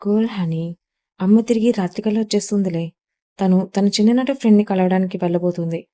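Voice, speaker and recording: A woman's voice: mid-range voice, brisk, mellow, close to an everyday voice. A woman doing a cruel, sneering young husband. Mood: fake sweet. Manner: mocking, through gritted teeth.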